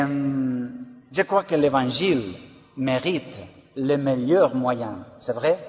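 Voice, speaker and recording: Slow, halting Spanish-accented pastor in French. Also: male voice, mid-range voice. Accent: foreign Spanish accent in French. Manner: halting, searching for words in broken French. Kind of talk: sermon-style testimony to a congregation. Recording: dull sound in a long-reverb hall.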